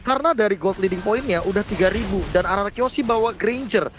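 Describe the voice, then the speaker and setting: Male Indonesian esports analyst, quick, explanatory delivery, clear noise behind. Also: high voice. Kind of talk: analytical game commentary.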